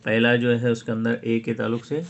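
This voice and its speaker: A man's voice: medium pitch, monotone, a little fast, highs cut off, slight background noise. A man teaching a lesson on an English poem, who reads English phrases and then explains each one in Hindi-Urdu.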